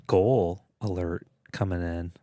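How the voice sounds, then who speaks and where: A man's voice: deep voice, fairly even intonation, takes it slowly, dark tone, dry recording. A middle-aged man, a father co-hosting a casual sports podcast with his son, talking in an easygoing, playful way with plenty of fillers. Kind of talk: casual chat.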